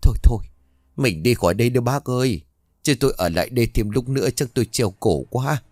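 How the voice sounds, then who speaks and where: A man's voice: medium pitch, expressive, fast, darkish tone, dry recording, clean studio sound, close to an everyday voice. A man voicing a frightened middle-aged village woman who pleads shrilly. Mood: panicky.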